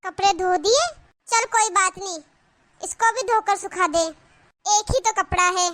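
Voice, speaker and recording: A woman's voice: extremely high pitch, a little slow, fairly bright tone. A woman voicing a nagging middle-aged mother-in-law in a cartoon, calling out and scolding her daughters-in-law.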